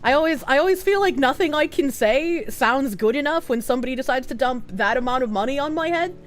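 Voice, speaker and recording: A high-voiced woman streams casually to her chat, her pitch leaping about. She gushes and exclaims like an excited anime fan, and swears playfully. Faint music plays underneath. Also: fairly quick. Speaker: live streamer.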